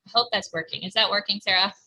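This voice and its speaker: Very bright upbeat story time host woman. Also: medium pitch, quick pace, rough recording. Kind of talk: children's story time chat.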